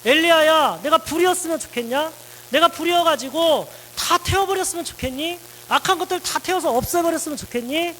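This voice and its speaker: A man voicing God as he gently questions a weary prophet with repeated, emphatic questions. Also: very high voice, brisk, few pauses, in a large hall, slight background noise, voice pushed up, low-quality recording. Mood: gently probing.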